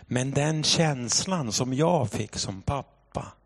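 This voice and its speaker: A man in his thirties preaching a sermon in church, telling a personal story with animated delivery. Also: medium pitch, no echo, clean studio sound. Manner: animated storytelling, shouting when acting out the scene. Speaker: pastor.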